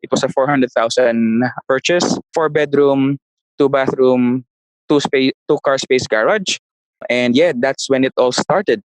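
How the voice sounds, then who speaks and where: Relaxed and conversational, this property investor from the Philippines, a man in his 30s, gives casual interview answers as a guest, pausing to find the right word and restarting phrases often. His voice sits at an ordinary middle pitch, and the sound is dry and close with no room echo.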